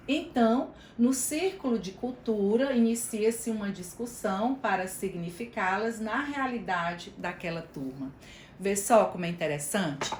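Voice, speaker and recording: Brazilian woman trainer, chatty lecture over a video call, roomy echo, faint hum behind. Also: medium pitch. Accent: Brazilian Portuguese. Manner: warm explanatory, chatty asides, addresses listeners by name. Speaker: teacher trainer.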